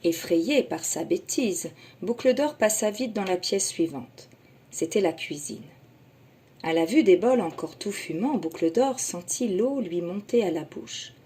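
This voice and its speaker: A kindergarten teacher, a woman, reading a children's story aloud slowly and expressively. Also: mid-range voice, expressive, dark tone, breathy edge.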